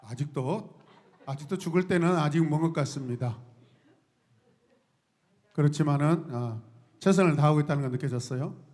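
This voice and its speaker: A man preaching a sermon to his congregation, lively and often shouting out cries and calling on the people to join in. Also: on the high side, normal speed, pauses often. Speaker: pastor.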